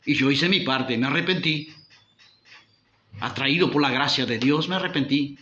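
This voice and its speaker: A man's voice: mid-range voice, normal speed, bright, forceful tone, reverberant, dull audio. A man preaching a sermon as pastor, driving points home with rhetorical questions. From Uruguay.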